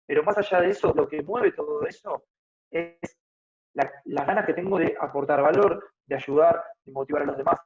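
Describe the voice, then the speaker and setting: A man's voice: a little high, lively intonation, moderate pace, gravelly, lo-fi sound. A man in his thirties with an Argentine accent, explaining his ideas at length as a guest in a casual interview, often adding tag questions. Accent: Argentine Spanish (Buenos Aires). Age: 30s. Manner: explanatory, thinks aloud with frequent tag questions. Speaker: guest, fitness motivator.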